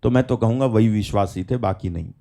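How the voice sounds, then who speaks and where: A man's voice: fairly low pitch, brisk, gravelly, dark tone. A man preaching a sermon at a live prayer meeting, talking emphatically with rhetorical questions and calls of hallelujah.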